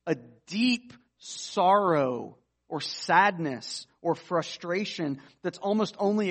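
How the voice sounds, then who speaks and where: A man preaching an earnest, explanatory sermon, reading scripture passages aloud and unpacking them. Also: sits high. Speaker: pastor. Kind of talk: sermon teaching.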